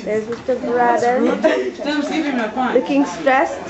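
A woman's voice: a little high, fairly even intonation, slow pace. Young woman, giggly home-video narrator, dull camcorder sound, salon chatter behind. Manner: teasing, giggly commentary. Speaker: person filming the video. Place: busy hair salon indoors. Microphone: handheld camcorder mic.

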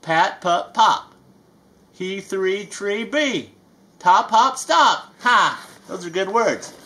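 In a mid-range voice, a performer reads a picture book for children as a jolly, folksy alligator from the bayou, speaking with a Southern US accent. Emphasis comes through long, drawn-out words, the intonation is lively, and the tone is fairly bright.

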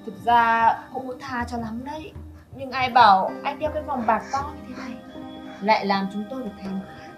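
A sharp, high-pitched swindler sneers at her catch, stretching each word with cold amusement, as a woman plays her. Background music plays steadily beneath the short-film dialogue. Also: lo-fi sound, natural voice. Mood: mocking. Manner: taunting, drawn-out scornful delivery. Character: scheming young female swindler, mocking and cold. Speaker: con artist in short film. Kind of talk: melodramatic short-film acting. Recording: music bed underneath.

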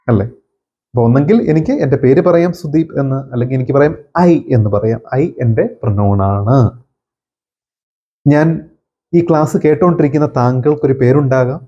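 A man's voice: medium pitch, warm tone, highs cut off. A man with a Malayali accent teaching English grammar, patiently repeating points and checking that listeners follow. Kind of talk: explanatory lesson.

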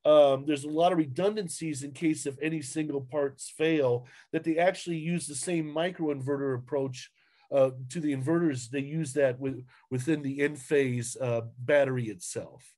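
This webinar presenter, heard through a webcam on a video call, has a slightly high, mellow voice with fairly even intonation. He moves through his slides in a halting way, often restarting and using fillers.

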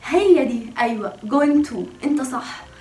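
A young Egyptian woman hosting a casual video lesson, explaining chattily and slowly sounding out words to demonstrate pronunciation. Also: high-pitched, animated, mellow, faint music behind. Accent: Egyptian Arabic. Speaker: language teacher and channel host. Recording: roomy echo, mic at a distance.

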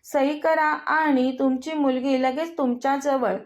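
A woman's voice: high-pitched, fairly even intonation, measured pace. A woman reading the part of an arrogant young man who taunts and threatens, in a storybook reading. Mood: taunting. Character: arrogant menacing young man, a bullying villain.

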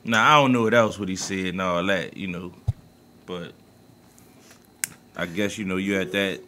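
A man's voice: low voice, steady tone, normal speed, bright, forceful tone, a little hiss or hum. A man with a New Orleans accent co-hosting a podcast, talking sports in a loose, profane, emphatic way. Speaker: podcast co-host. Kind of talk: casual sports talk.

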